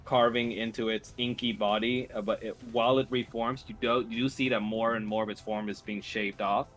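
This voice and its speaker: A man narrating a tabletop role-playing game as game master in an informal, halting way. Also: fairly low pitch, fairly even intonation, fairly bright tone, soft background music.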